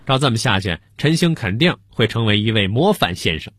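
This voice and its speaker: A man's voice: on the low side, lively intonation, fairly quick, fairly bright tone, no echo, clean studio sound. A male radio host introducing a clip in an easygoing way. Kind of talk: radio commentary.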